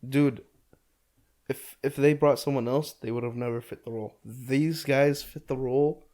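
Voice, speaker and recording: A man's voice: medium pitch, fairly even intonation, darkish tone. Male co-host, medium voice, argues his point and corrects the others. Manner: insistent, quick to correct others. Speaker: podcast co-host. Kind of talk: casual chat.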